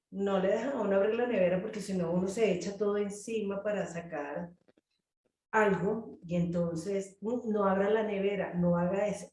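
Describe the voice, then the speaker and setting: A woman's voice: medium pitch, reverberant, distant mic. A woman leading a group Bible study, speaking animatedly and acting out prayers and quotes. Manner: animated, acts out prayers and quotes in changing voices.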